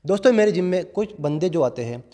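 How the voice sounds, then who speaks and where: A gym owner in his twenties speaks to camera in a big indoor gym, earnestly explaining fitness and addressing viewers as friends. His voice is high-pitched, animated and quick, with a dark tone. He holds a clip-on lapel mic in his hand, and the hall adds long reverb.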